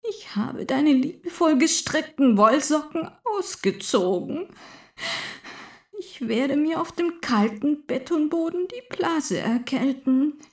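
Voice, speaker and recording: A woman playing a bitter jailed militant, slow and high. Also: animated, heavily acted. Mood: wistful. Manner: swings between hushed whispers and shouted outbursts. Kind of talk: theatrical stage monologue.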